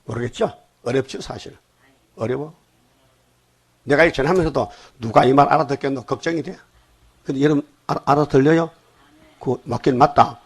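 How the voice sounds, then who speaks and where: A man's voice: mid-range voice, normal speed, long pauses, breathy edge. An older man preaching a dawn sermon in a blunt Gyeongsang accent, often stopping to ask the congregation questions. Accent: Gyeongsang Korean. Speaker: pastor.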